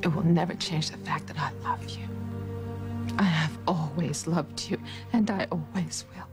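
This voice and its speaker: A woman acting a remorseful, devoted mother in a soap opera. She pleads in a hushed, breathy, emotional way, over clearly audible music. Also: sits low, moderate pace, natural voice. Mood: anguished pleading. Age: middle-aged. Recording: music under the voice.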